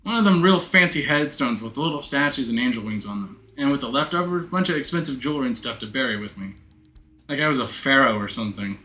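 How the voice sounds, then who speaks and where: A man's voice: mid-range voice, lively intonation, fast talker, sharp tone. A man voicing a brash, slangy woman thief who poses as a starlet, with streetwise wisecracks, in a game. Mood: wry. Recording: roomy echo, music behind.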